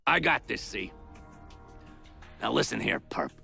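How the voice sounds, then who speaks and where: An actor voicing a gruff, wisecracking male agent who interrogates a suspect in a video game cutscene, talking tough and sarcastic. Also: mid-range voice, very animated, unhurried, music in the background, full character voice. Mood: menacing.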